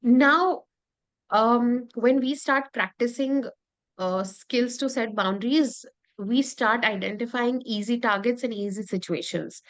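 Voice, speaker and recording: Slow, patient Indian woman teaching. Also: a little high. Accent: Indian English. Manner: mixes Hindi and English, checks in with listeners; patient, step-by-step explaining. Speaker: workshop facilitator. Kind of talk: interactive online lesson.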